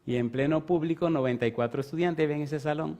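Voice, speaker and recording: A man's voice: on the high side, fairly quick. Brief: middle-aged male pastor, chatty storytelling sermon, playful asides to the congregation. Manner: lively, conversational, teasing the congregation.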